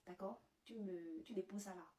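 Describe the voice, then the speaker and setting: A chatty man sweet-talking a woman at work, put on by a woman, dropping English words into his French. He speaks at an ordinary pitch, and the sound is roomy, picked up from a distance away from the mic. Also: moderate pace, mellow, lightly acted. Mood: flirty. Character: smooth-talking Cameroonian man flirting at work.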